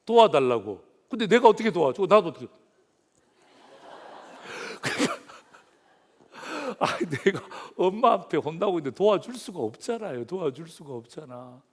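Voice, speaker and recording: A man's voice: fairly high pitch, big pitch swings, a little slow. A male pastor giving a sermon, telling a story with animation and putting questions to the congregation.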